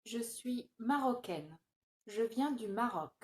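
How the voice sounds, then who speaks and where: A woman's voice: fairly high pitch, expressive, takes it slowly, a little mellow. A woman reading scripted phrases for a language-learning video, enunciating each short line carefully.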